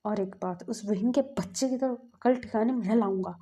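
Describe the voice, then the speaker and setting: A woman's voice: mid-range voice, normal speed, warm tone, husky, lightly acted. A woman voicing a bossy, protective older brother who orders his sibling around. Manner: bossy, commanding.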